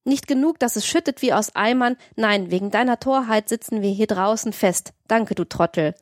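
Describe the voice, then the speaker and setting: A woman reading aloud and voicing a gruff, short-tempered male carter in an audiobook excerpt, with a scolding, mocking delivery. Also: a little high, normal speed, no echo, clean studio sound, lightly acted. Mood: scornful.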